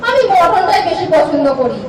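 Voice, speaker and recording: Woman playing a bold, high-pitched young Indian Bengali bride-to-be. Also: sing-song, normal speed, over a noisy crowd. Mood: chatty, teasing. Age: young adult. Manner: chatty, teasing, bossy. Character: bold, teasing young prospective bride, demanding and inquisitive. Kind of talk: light romantic comedy drama acting. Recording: echoey room, distant mic, clear background noise.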